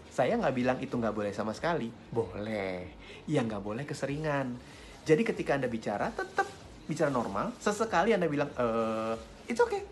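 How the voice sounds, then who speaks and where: A man teaching public speaking in a friendly, lively way, swinging his pitch up and down to show intonation. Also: slight background noise. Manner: friendly, chuckles between points. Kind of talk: instructional talk to camera.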